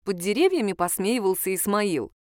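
A woman narrating a first-person story in a lively, wry way, often indignant. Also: mid-range voice, moderate pace, no echo, studio quality.

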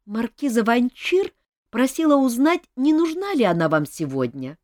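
A woman's voice: fairly high pitch, big pitch swings, moderate pace, darkish tone, no room sound, studio quality, pitched above the performer's own voice. A woman voicing a timid, deferential female courtier who speaks politely and apologetically. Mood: meek.

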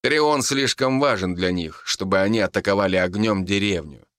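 A man voicing a steady male forester who speaks calmly and tersely. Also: deep voice, moderate pace, no echo, clean studio sound. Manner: calm, terse.

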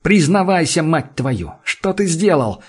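Guy doing an angry doctor, icy sarcastic, husky raised voice, audiobook. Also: fairly high pitch, normal speed, lightly acted. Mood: furious. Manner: icy sarcasm, then shouting. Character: stern male doctor, cold fury.

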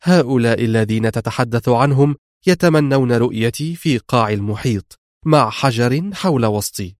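A man voicing a proud, sharp-tongued woman who heads a crime family, speaking sternly and mockingly in an audiobook reading. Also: medium pitch, moderate pace, no echo, clean studio sound, lightly acted.

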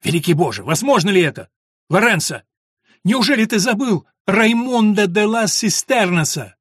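A man's voice: high voice, very animated, moderate pace, a bit bright, breathy edge, no room sound, studio quality, pitched above the performer's own voice, full character voice. A man voicing a secretive young marquis who speaks earnestly and urgently, in an audiobook. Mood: astonished.

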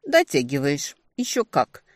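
Woman voicing a sharp-tongued young demoness. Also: low-pitched, wildly swooping pitch, unhurried, dry recording, full character voice. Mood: indignant. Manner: indignant, shouting accusations.

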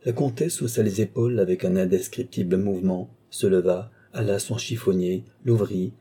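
A man narrating a classic novel as an audiobook in a measured, expressive way. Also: low voice, slightly rough.

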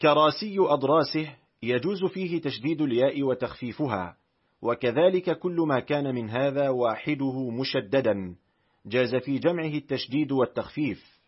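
A man reading a classical reference text aloud as an audiobook narrator, carefully spelling out vowels and letters in a measured way. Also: mid-range voice, slightly rough, dull audio. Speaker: audiobook reader.

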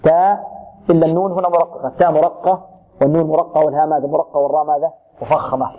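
A man's voice: on the high side, level tone. Man teaching Quran recitation, dull lo-fi sound. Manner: repeats words slowly and corrects students. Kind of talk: tajweed lesson with drilled recitation. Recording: dull lo-fi recording.

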